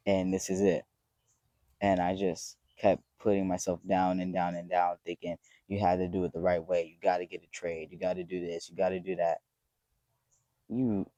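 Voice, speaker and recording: A man in his twenties with a low, mellow voice delivers a loose, heartfelt pep talk directly to his viewers. The vlogger rambles and swears freely but stays earnest throughout. The recording is close and dry, with no room sound.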